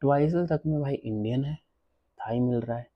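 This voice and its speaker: A man giving casual travel advice as a vlogger, blunt and animated, from India. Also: mid-range voice, moderate pace, dry recording, muffled recording. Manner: blunt, animated, switches between Hindi and English.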